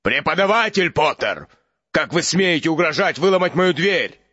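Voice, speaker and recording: A man voicing a gruff, touchy half-giant gamekeeper in an audiobook, grumbling his lines. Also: a little high, sing-song, normal speed, pushed and bright, dry recording, muffled recording, exaggerated voice. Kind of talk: audiobook character voice.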